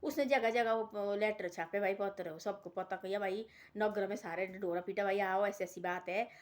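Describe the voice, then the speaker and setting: A woman's voice: medium pitch, steady tone, normal speed. A woman spins a folk tale in an easy, homespun way. She circles back over her own phrases and keeps dropping "bhai" between them, like someone talking to family at home. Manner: rambling, repetitive, peppered with "bhai". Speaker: storyteller. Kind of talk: casual oral folk storytelling.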